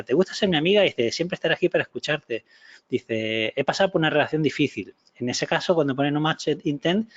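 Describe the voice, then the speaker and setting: A man's voice: medium pitch, highs cut off. A man presenting a project in a webinar, explaining with many fillers and restarts.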